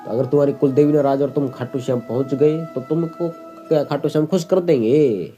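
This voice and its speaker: A man's voice: a little high, brisk, mellow, highs cut off. A man giving a preachy devotional talk, scolding and exhorting his listeners and calling them fools. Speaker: devotional video host. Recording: music playing underneath.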